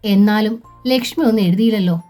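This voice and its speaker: A woman's voice: mid-range voice, brisk, warm tone, faint music behind, lightly acted. A woman voicing a worried, outspoken middle-aged sister-in-law who lectures in a fretful tone, in a storybook reading.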